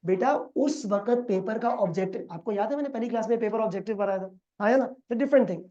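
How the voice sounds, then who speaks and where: Mellow-voiced male teacher quizzing students. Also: high voice, a little fast, muffled recording. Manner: quizzes students, acts out dialogues. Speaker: accounting teacher. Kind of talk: classroom lecture.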